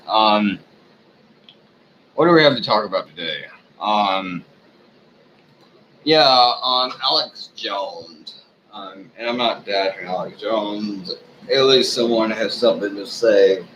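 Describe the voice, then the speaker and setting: A drunk man giving a rambling, off-the-cuff rant to his viewers, swearing often, halting and losing his thread. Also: lowish voice, a bit bright, slight background noise, poor audio. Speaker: online ranter, video host.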